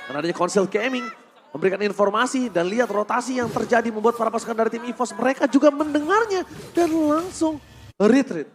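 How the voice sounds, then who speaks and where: A man with an Indonesian accent calling a game as an esports caster, excitable and emphatic, bursting into shouts. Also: extremely high pitch, quick pace.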